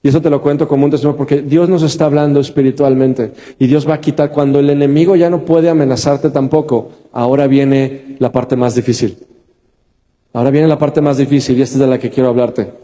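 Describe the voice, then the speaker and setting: Mexican pastor preaching in echoing church. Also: male voice, mid-range voice, fairly even intonation, a little fast, mellow. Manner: storytelling, talks to the congregation directly. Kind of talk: sermon. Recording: long reverb of a large church.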